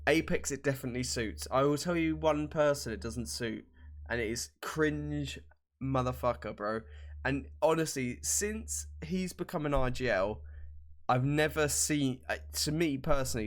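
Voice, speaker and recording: A man co-hosting a gaming podcast in casual, joking chat, swearing freely and mocking others in put-on voices. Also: medium pitch. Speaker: podcast co-host.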